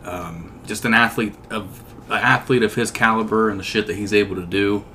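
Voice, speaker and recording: A man co-hosting a casual sports podcast, talking in halting, hesitant phrases. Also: on the low side, steady tone, bright, forceful tone, slight background noise. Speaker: podcast co-host.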